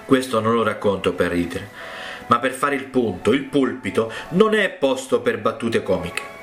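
A man's voice: on the low side, sing-song, normal speed, echoey room, faint music behind. A man preaching a sermon, telling stories with emphatic rises to stress his points.

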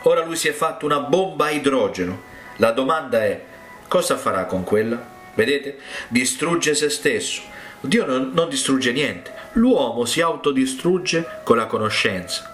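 A man's voice: medium pitch, a bit bright, roomy sound. A man preaching a sermon, telling stories with emphatic rises to stress his points.

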